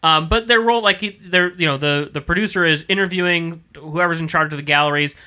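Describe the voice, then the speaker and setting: A man's voice: fairly high pitch, brisk, sharp tone. A man co-hosting a podcast in casual chat, full of playful banter. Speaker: podcast co-host.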